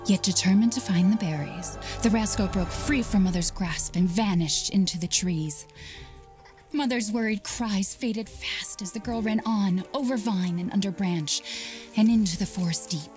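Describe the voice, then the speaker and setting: A woman voicing a young mother in a video game, reading a dark fairy tale in a hushed storybook voice that sinks into whispers. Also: medium pitch, moderate pace, natural voice. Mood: hushed storytelling. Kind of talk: scripted game narration. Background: game music.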